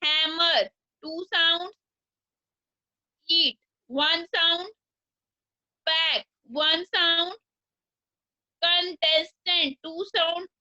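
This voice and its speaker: A woman teaching an online English class to young children, with an Indian accent, slowly breaking words into their syllables. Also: very high voice, steady tone, pushed and bright. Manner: slow, breaks words into sounds. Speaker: primary school English teacher. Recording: dull lo-fi online class audio.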